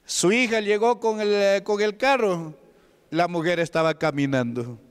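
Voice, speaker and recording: A man's voice: high-pitched, measured pace, smooth. Peruvian preacher man in a reverberant church. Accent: Peruvian Spanish. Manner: storytelling with questions to the congregation. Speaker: deacon preacher. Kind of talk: sermon testimony. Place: church hall. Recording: long hall reverb.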